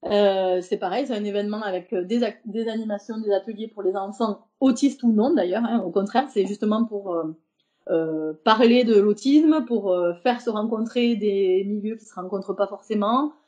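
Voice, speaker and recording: Une femme invitée d'un podcast, qui parle de façon décontractée et hésitante, avec beaucoup d'hésitations et de reprises. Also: female voice, medium pitch, normal speed, dark tone, highs cut off. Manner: hesitant, many fillers and restarts. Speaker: podcast guest, embroiderer. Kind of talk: casual interview talk.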